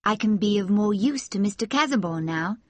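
A man voicing an earnest, gentle young woman, speaking softly and seriously in a raised voice. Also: sits high, expressive, a little fast, no echo, voice pushed up.

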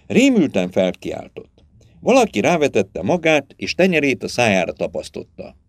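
A man narrating a novel as an audiobook, with expressive, dramatic storytelling. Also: mid-range voice, no echo.

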